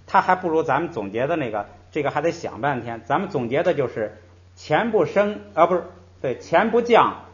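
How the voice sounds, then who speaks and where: Man teaching in a slightly higher voice. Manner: explains patiently, drawing out example syllables and often saying "hey" between points. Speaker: Tibetan language teacher. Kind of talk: classroom-style lecture. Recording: slightly muffled recording.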